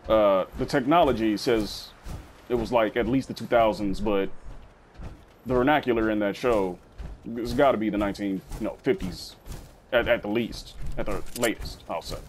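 A man's voice: lowish voice, normal speed, slight background noise. A young man hosting a casual gaming video, rambling and slangy, calling everyone bro. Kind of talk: casual let's-play commentary.

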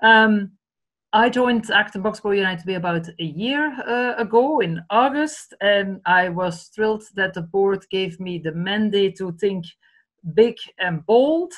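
A woman's voice: medium pitch, unhurried, rough recording. Belgian woman with a Flemish accent. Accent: Flemish Dutch. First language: Dutch. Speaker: charity director. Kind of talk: video call interview. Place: home study with bookshelves. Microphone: laptop webcam video call.

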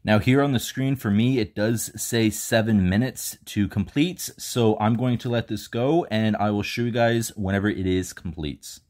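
A man hosting a casual tech tutorial, calmly walking viewers through each step while filming indoors on a handheld phone. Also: fairly low pitch, moderate pace, hardly any pauses. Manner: relaxed step-by-step instructions. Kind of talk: casual how-to walkthrough. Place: indoors, filming over a bed.

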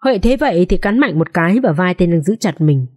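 A woman narrating a dramatic social drama audiobook in an expressive storytelling manner. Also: lowish voice, a little fast.

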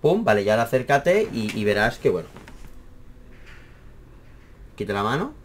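Animated young man from Spain, rambling. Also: on the low side, normal speed, slight background noise. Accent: Spanish from Spain. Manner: animated, exaggerated, swears freely, many fillers. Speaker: math teacher and YouTuber. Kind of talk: casual rambling tech explainer.

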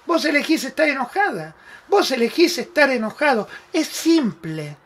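A man's voice: very high-pitched, big pitch swings, normal speed, a bit bright. Argentine guy doing a live self-help show, emphatic, keeps calling viewers love and greeting them. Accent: Argentine Spanish. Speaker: spiritual talk show host.

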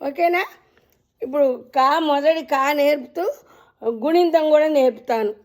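A woman teaching the alphabet, chanting each letter name slowly and drawing out the sounds, and gently addressing her listeners. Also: high voice. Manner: drawn-out chanting of letter names. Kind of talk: slow teaching recitation.

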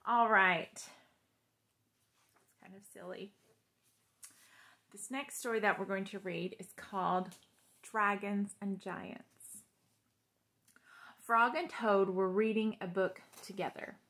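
Reading a children's story at storytime, this young woman pauses now and then to explain things simply to young listeners from her couch in a small living room. She speaks slowly with long pauses, in a steady, medium-pitched voice that is fairly bright.

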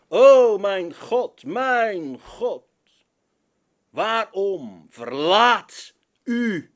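Pastor from preaching, slow and lively, hits every word hard. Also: male voice, on the high side. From Zeeland, Netherlands. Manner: switches between Dutch, English and French, emphatic preaching. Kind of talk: sermon.

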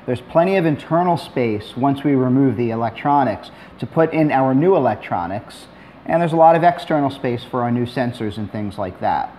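A middle-aged man narrating a hands-on tutorial in a relaxed, plainspoken way, with dry asides. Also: medium pitch, moderate pace, a little hiss or hum. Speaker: maker demonstrating a robot build.

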